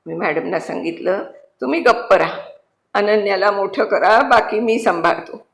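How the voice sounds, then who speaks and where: A woman doing a quiet, humble convict. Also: mid-range voice, normal speed, creaky, lightly acted. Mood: subdued, solemn. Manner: respectful, subdued, addresses the jailer as sir. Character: humble male convict, quiet, remorseless protector. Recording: roomy echo.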